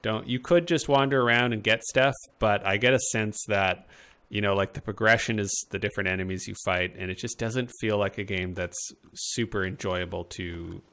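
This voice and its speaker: A man's voice: on the low side, moderate pace, fairly bright tone. A man hosting a casual let's-play, chatting in an easygoing, talkative way. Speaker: host.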